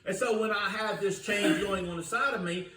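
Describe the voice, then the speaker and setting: A man's voice: high voice, moderate pace, fairly bright tone, a little hiss or hum. An older man preaching a sermon in a folksy, storytelling way, often asking the congregation questions. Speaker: pastor. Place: church sanctuary. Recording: roomy church recording from a distance.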